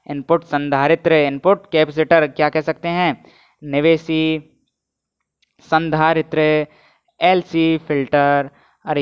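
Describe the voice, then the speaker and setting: Male physics tutor, clear but monotone, muffled lo-fi recording, energetic quizzing style. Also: fairly high pitch. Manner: keeps asking students to answer and comment; energetic, repetitive teaching. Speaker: physics teacher. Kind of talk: energetic online lecture. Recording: dull, muffled lo-fi audio.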